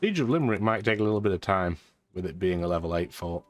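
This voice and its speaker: Talking fast with lively intonation, a man with a low voice comments on his strategy game in a dry, chatty, casual style. He's clearly stuffed up, with blocked sinuses and a lingering sore throat; background music plays, and there's no room sound.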